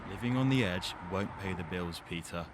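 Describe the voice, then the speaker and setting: A young adult man, speaking at normal speed in a natural voice, portrays a teenage boy struggling with growing up. The amateur drama recording is noisy and rumbly, and his tone is earnest, reflective and reproving.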